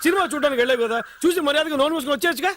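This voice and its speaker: Panicky father, pleading and scolding, high lively fast voice. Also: a little hiss or hum. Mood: exasperated. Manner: pleading, exasperated. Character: flustered middle-aged father, anxious and pleading. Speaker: film character, father. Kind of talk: Telugu film dialogue.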